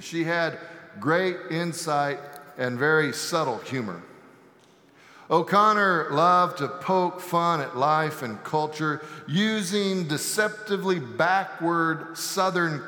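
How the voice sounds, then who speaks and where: A man preaching a sermon as pastor, telling a joke story at a slow, deliberate pace. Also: high voice, bright, forceful tone. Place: church sanctuary. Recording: echoey sanctuary with long reverb.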